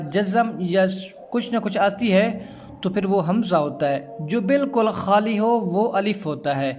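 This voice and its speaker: A man with a high voice teaches Quran reading in a recorded tutorial. He explains patiently, one step at a time, and draws out each chanted syllable so it can be copied. His delivery is unhurried throughout. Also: a little hiss or hum.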